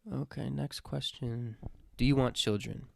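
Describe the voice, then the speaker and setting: A man's voice: mid-range voice, fairly even intonation, measured pace, creaky, no room sound, clean studio sound. A man musing aloud in a casual, sincere monologue, hesitant and full of fillers, swearing now and then. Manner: rambling, hesitant, many fillers and restarts. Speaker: vlogger answering his own question list.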